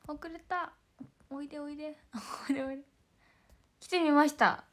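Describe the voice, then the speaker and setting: A young woman hosting an idol livestream chats casually, reading fan comments and thanking fans by name in a hoarse, worn-out voice. She shifts between bright greetings and breathy half-whispers, speaking high, at a moderate pace, with fairly even intonation.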